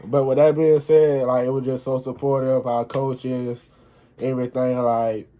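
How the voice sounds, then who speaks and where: A man's voice: mid-range voice, flat delivery, unhurried, warm tone. A young man chatting casually in a vlog, slangy and protective as an expecting father. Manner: laid-back slangy talk, protective. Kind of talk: casual chat.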